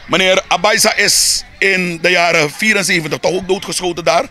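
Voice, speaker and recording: Interviewee: heated Surinamese Dutch man, high-pitched and sharp-edged, rhetorical. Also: steady tone, moderate pace, slight background noise. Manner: heated, rhetorical, repeats words when building a point. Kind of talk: street interview.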